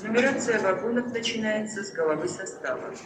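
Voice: medium pitch, animated, fairly quick. A station announcer making formal, scripted train announcements over a public-address system, repeating each notice. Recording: echoey noisy station loudspeaker, distant. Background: loud station ambience noise.

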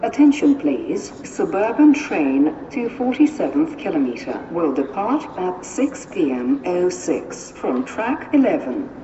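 A woman's voice: lowish voice, very animated, slow, few pauses. A woman making formal, scripted public-address train announcements in a clipped, phrase-by-phrase airport announcement style. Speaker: railway station announcer. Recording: dull, distant, echoing, noisy station loudspeaker.

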